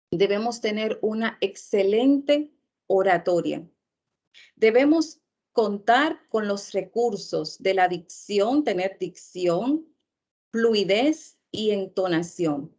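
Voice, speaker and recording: A woman teaching an online public speaking workshop, speaking deliberately and repeating key terms for emphasis. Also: mid-range voice, expressive, a little mellow. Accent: Latin American Spanish.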